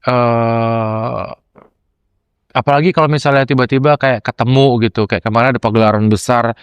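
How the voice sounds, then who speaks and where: A young adult man, a lecturer telling classroom stories in casual chat, acting out quoted lines with animated jumps in pitch. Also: normal speed, clean tone, no echo, muffled recording. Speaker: lecturer and podcast guest.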